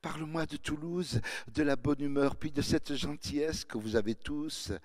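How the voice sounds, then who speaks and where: A man's voice: a little high, normal speed, close to an everyday voice. A man voicing an eager young woman who gushes and pleads to hear about a sunny southern city, in a breathless, effusive manner. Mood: pleading, effusive.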